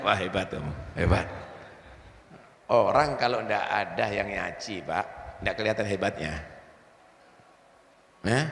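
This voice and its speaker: A man preaching, his voice bright and gravelly as it leaps up and down in animated bursts. He keeps checking that the listeners follow him. The recording carries the long echo of a large hall with faint ambience behind. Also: fairly low pitch. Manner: animated preaching, mixes in Javanese words, asks "paham ya?". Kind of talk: sermon.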